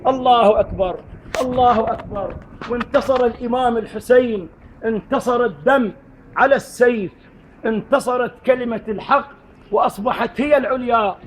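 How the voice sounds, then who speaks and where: A man's voice: very high-pitched, normal speed, a little hiss or hum, poor audio. A man recites a mourning sermon with impassioned cries, recorded inside a moving vehicle. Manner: impassioned, repeatedly crying out in praise. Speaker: religious reciter.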